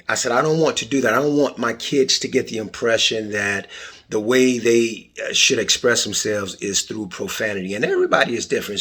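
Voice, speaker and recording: A man's voice: fairly low pitch, bright, forceful tone, husky. A middle-aged man hosting a podcast, talking casually and playfully straight to his viewers with jokes. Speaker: podcast host.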